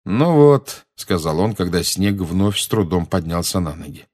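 A man narrating an audiobook in an even storytelling manner. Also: deep voice, normal speed. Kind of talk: audiobook reading.

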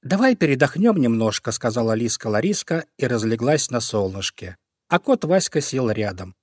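A man reads a children's storybook aloud in a calm, expressive voice of middle pitch. The sound is close and dry, with no room around it. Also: normal speed, dry recording. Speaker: narrator. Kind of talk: storybook reading.

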